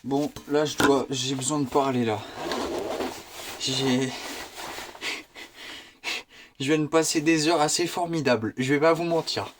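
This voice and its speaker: An eighteen-year-old man talking straight to his viewers in a vlog. He is slangy and excitable, and his voice sits at an ordinary middle pitch. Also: normal speed, background noise. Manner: slangy, excitable, laughs often. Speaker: vlogger. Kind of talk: casual vlog chat.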